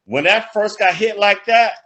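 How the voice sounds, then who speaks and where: An older man, a grandfather, co-hosts a casual sports podcast in a high-pitched voice at normal speed. He's an animated storyteller who laughs a lot and swears freely.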